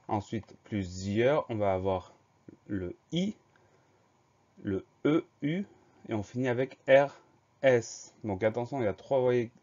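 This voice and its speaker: Man, low mellow voice, patient teacher spelling words out, dull lo-fi sound. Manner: slow, methodical, spells words letter by letter. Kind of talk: dictation lesson.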